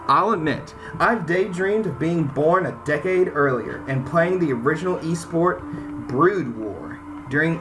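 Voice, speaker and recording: With music playing beneath him on a low-quality recording, a man with a slightly high voice reads game text aloud and reacts informally. He's a gaming video host giving casual let's-play commentary.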